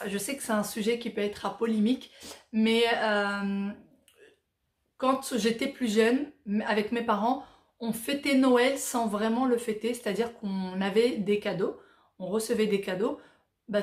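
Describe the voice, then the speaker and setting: A woman's voice: on the high side, echoey room. Chatty woman in her thirties. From Morocco. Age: 30s. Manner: chatty, reads out viewer questions then answers with many fillers. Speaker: vlogger answering viewer questions. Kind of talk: casual Q&A vlog.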